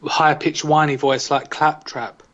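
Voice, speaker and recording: A man's voice: fairly high pitch, flat delivery, unhurried, fairly bright tone, muffled recording. A man hosting a podcast, chatting casually and cracking puns. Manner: jokey, punning. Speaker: podcast host.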